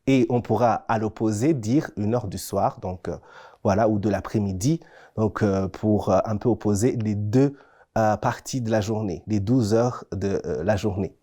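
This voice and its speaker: Here the presenter of a French-language educational TV segment explains a scripted lesson in a didactic way, emphasizing key words. The voice is medium-pitched and mellow, at a normal speed.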